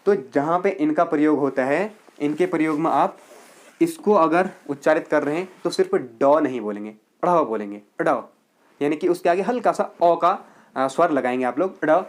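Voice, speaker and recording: Guy teaching a grammar class for exams, kinda high voice, explains bit by bit, says "ok" a lot, repeats words slowly. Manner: explains step by step, repeating "ठीक है" to check understanding. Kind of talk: Hindi grammar lecture for exam students.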